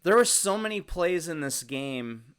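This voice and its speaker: Young male podcast co-host, smooth resonant voice, measured and rambling. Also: on the high side, expressive, a bit bright. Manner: rambling, hesitant restarts, measured. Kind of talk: casual sports chat.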